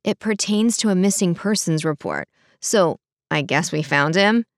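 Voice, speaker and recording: A woman voicing a calm, measured male police officer in an audiobook. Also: fairly low pitch, no echo, studio quality.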